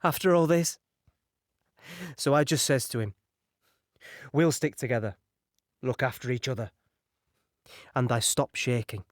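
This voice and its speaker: An actor playing a young British signaller recounting a beach landing in an audio drama, halting and shaken. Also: male voice, mid-range voice, dry recording, studio quality, natural voice. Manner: halting, shaken, recalling horror in present tense.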